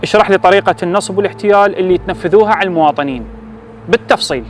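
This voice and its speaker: Rapid, high-pitched Iraqi man interrogating. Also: slight background noise. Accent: Iraqi Arabic. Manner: commanding, clipped prompts. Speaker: police interviewer presenting the case. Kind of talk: questioning suspects on camera.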